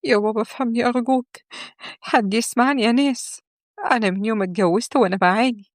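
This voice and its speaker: A woman's voice: on the high side, quick pace, dry recording, voice pushed up, natural voice. A woman voicing a tearful, desperate young pregnant wife who pleads emphatically, in an Egyptian accent. The voice sounds dry, close to the microphone. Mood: pleading. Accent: Egyptian Arabic.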